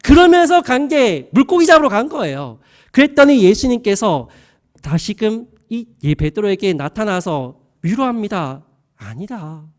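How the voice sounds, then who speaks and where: A man's voice: sits high, very animated, normal speed. A male pastor preaching a sermon in a colloquial style, peppering the congregation with rhetorical questions.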